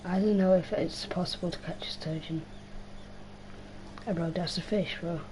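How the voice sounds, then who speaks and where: In this casual live-stream chat, a young gaming streamer rambles along in slang, swears, and talks to herself while she plays. Her lowish voice sounds strained and tired, with fairly even intonation at a normal speed, and background noise sits behind it.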